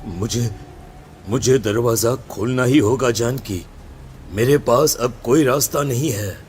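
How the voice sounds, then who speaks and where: Man acting an anxious, slow-talking village father. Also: mid-range voice, darkish tone, a little hiss or hum, lightly acted. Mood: frightened. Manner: earnest, dramatic, hesitant. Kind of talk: Hindi audio story acting.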